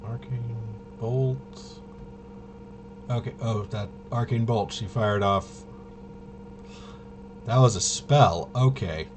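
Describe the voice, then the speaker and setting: Slow and leaving long pauses, a medium-pitched man thinks aloud during a tabletop game demo he's running. The casual commentary is muttered and puzzled, full of self-questioning, over a clearly noisy background.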